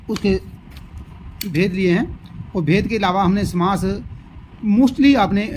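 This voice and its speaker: A man's voice: sits high, a little mellow, a little hiss or hum, poor audio. A man teaching a lesson, giving an overview of the chapters and repeating key terms as he explains them.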